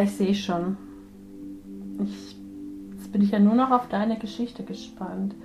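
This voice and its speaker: Slow, soothing woman spiritual medium. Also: medium pitch, low-quality recording. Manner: soft, soothing, gently addressing a soul. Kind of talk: guided spiritual healing session.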